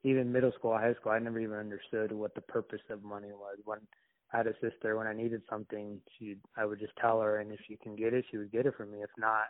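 A young man from Somalia, an interview guest, talking in a halting, reflective way with many restarts. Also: fairly low pitch, little pitch movement. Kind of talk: casual conversation. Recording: tinny phone-like call line.

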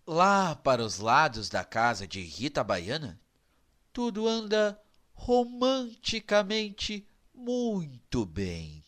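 A man's voice: on the high side, wildly swooping pitch, takes it slowly, a bit bright. A man narrating a story in an ironic storytelling tone. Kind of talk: scripted narration.

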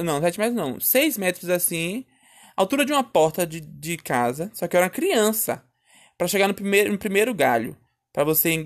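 Chatty Northeastern Brazilian man telling a story. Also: sits high. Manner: chatty, dramatic, keeps addressing the listeners. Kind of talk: casual comic storytelling.

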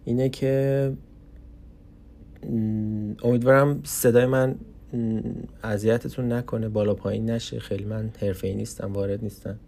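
A young man recording a personal podcast alone in a small office, talking unscripted, tired and hesitant with many pauses. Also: fairly low pitch, level tone, creaky, dark tone, slight background noise. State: tired from lack of sleep. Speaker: podcast host.

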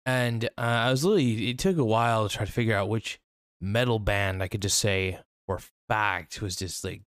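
A man with a lowish voice hosts a podcast in a dry, close-sounding recording. He boasts in an ironic, tongue-in-cheek way and rambles, stumbling through fillers and restarts. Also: normal speed, smooth, no echo. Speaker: podcast host. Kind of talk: sarcastic mock-boastful monologue. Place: at a computer, screen-sharing.

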